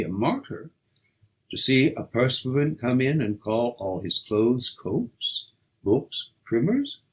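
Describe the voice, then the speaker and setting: The low-quality recording captures a man reading poetry for an audiobook with slow, theatrical, declamatory emphasis. His voice is markedly rough and breathy-husky, a bit bright, ranging widely in pitch around a middling register.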